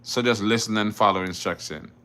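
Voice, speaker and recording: A middle-aged Jamaican driving instructor with a lowish, bright, forceful voice hosts a casual livestream Q&A at a brisk pace. He reads viewer questions aloud and answers plainly, often repeating words and restarting.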